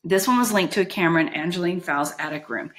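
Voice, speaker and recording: A woman narrating a novel aloud in a steady, measured reading voice. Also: lowish voice. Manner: steady, measured, occasional slips. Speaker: audiobook narrator. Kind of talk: storybook narration.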